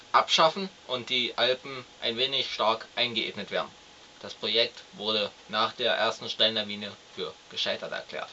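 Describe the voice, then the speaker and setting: Male satirical magazine presenter, deadpan and mock-serious, bright delivery, slightly dull recording. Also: mid-range voice, slight background noise. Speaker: host of a satirical magazine show. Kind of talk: mock news presenting, scripted narration.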